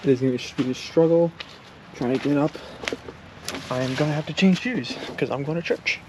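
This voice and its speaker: An outdoor vlogger with a slightly high voice speaks at a moderate pace as he narrates by a lake and trails. He's casual and easygoing, talking to his viewers and brushing off setbacks. Background noise comes through clearly in the outdoor recording.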